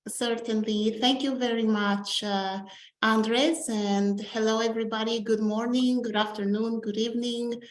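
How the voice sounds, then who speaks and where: A woman's voice: on the high side, flat delivery. Woman presenting in a roomy echo. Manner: polite, measured presenting with multilingual greetings. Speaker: panelist. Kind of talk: webinar presentation.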